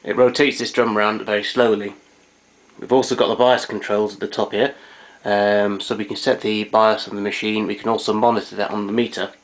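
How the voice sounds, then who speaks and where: A man with a lowish, level voice speaks fairly quickly as he gives an unscripted, matter-of-fact walkthrough of vintage tape recorders, explaining the equipment hands-on the way a collector would. He's indoors in a home kitchen, and the audio is noisy amateur camera sound.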